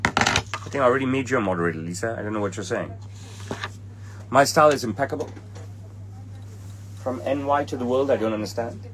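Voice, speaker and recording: Speaking in Hong Kong English, a tailor in his forties fields questions from livestream viewers with blunt impatience and curses at commenters. His voice is medium-pitched and a little fast, with frequent pauses. Trophies sit behind him in the indoor room, and the background is noisy.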